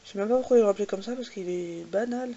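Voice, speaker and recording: A woman's voice: mid-range voice, mellow, lo-fi sound. A woman hosting a casual makeup swatch vlog, talking hesitantly with many filler sounds and repeated little asides, joking about her own pronunciation. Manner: hesitant, fills pauses with "euh" and repeated "voilà"; jokes self-mockingly about her English pronunciation. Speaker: beauty vlogger host.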